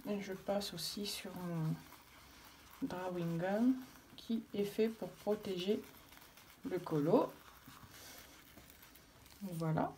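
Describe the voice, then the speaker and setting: A woman's voice: lowish voice, slow pace, long pauses, dark tone, a little hiss or hum. A woman explaining a craft technique at home as she works, hesitating often with fillers and restarts. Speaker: craft tutorial vlogger. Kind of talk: casual demonstration while working. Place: at home, daughter nearby.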